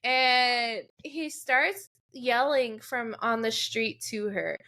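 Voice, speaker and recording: A woman in her late twenties co-hosts a casual podcast recapping a show, her fairly high voice pushed and bright. She's chatty and candid and laughs easily.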